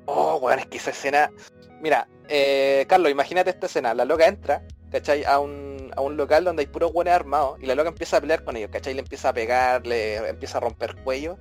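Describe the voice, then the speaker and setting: A man with a Chilean accent co-hosting a podcast, telling stories in lively, slang-heavy casual chat. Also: mid-range voice, quick pace, faint music behind. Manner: animated storytelling full of slang, acting out scenes. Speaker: podcast co-host.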